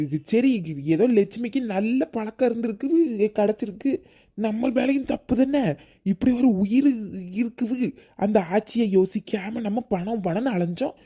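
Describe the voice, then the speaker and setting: Patient, husky husband. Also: female voice, on the high side, normal speed, warm tone. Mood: calm. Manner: soothing, patient reasoning.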